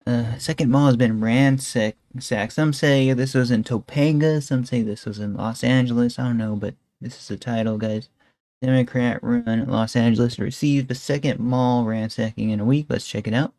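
A young adult man streams a casual reaction from a room at home, talking into a headset on webcam and rambling with fillers like "bro" and "guys." His voice is medium-pitched, steady and warm at a normal speed, in a dry recording.

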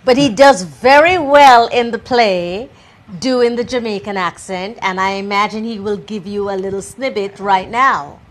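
Woman theatre director on a talk show, articulate, mid-pitched, explanatory. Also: a little slow. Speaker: play director.

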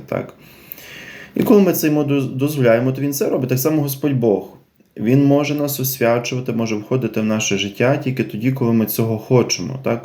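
A man giving an unscripted spiritual talk in an episode of a devotional series, pausing often, repeating phrases and checking in with listeners. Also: mid-range voice, vocal fry, darkish tone. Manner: unscripted, hesitant, many fillers, repeats phrases, asks "right?". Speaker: religious speaker presenting a series on a saint.

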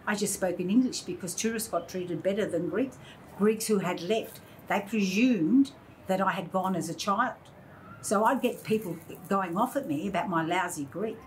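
An interview guest, an Australian woman in her sixties, recalls old memories in a casual chat indoors by large windows. Her mid-range voice keeps a moderate pace as she vividly performs other people's voices, though the low-quality recording carries some hiss or hum.

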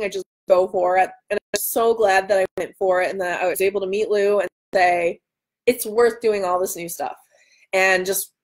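A woman in her thirties hosts a casual livestream from a room at home by a window, answering viewers with enthusiasm and self-deprecating humor. Her voice is medium in pitch.

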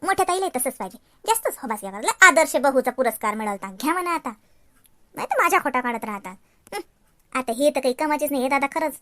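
A scheming, gossipy woman relative, played by a woman mutters gloating asides in a cartoon. Her voice is high and bright even when she drops it low. The sound is dry. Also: quick pace, dry recording. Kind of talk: cartoon voice acting.

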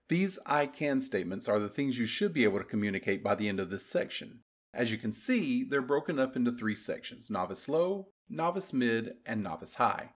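A man narrating a recorded language lesson in a patient, step-by-step way. His voice sits at an ordinary middle pitch for a man. He reads scripted instructions clearly, like a classroom teacher.

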